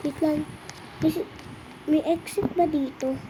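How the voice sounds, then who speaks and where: High-pitched streamer, slow talker, teasing and excitable over gameplay, lots of background noise. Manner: excitable, teasing chatter with frequent exclamations. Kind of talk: casual game commentary.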